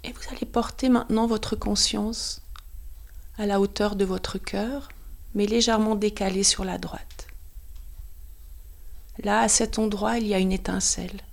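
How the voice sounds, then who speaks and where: A woman leads a guided meditation in a soothing, hushed, breathy voice that is often close to a whisper, in short phrases with pauses. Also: mid-range voice, fairly even intonation.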